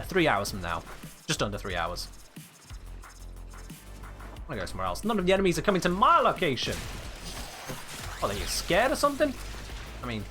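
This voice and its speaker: Playing a game on stream, a young Englishman in his twenties reads chat aloud with teasing, mock-outraged reactions and an easy, casual manner. His English-accented voice runs on the high side with a sharp tone.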